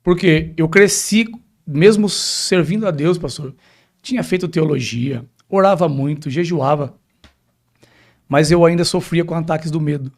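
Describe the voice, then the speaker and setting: Man, pastor, podcast testimony, emphatic storytelling, slightly high pitch. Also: a little slow, a little mellow. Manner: emphatic storyteller, keeps addressing the host as pastor. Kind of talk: personal testimony in a podcast interview.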